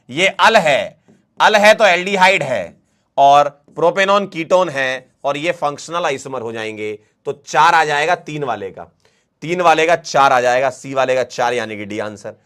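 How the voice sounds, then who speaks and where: Male chemistry teacher, fairly high voice, playful and coaxing, lively class delivery. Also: normal speed. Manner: lively, playful, coaxing students through questions. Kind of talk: online class lecture.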